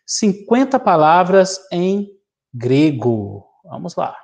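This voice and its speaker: Man, middle-aged, from Brazil, teacher, vocabulary lesson, deliberate, unhurried. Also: high-pitched, big pitch swings, gravelly, a little mellow. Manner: slow, deliberate reading of word lists with explanations. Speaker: Greek teacher.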